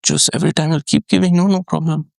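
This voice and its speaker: A man in his thirties giving an explanatory tech talk, conversational with restarts and fillers, getting animated as he explains. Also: fast, vocal fry, dry recording. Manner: animated, rising pitch when excited.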